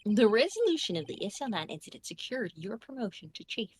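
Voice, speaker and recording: A woman's voice: mid-range voice, very animated, fast, slightly rough. A woman voicing an earnest young male defense lawyer in a game playthrough, with dramatic, accusing delivery.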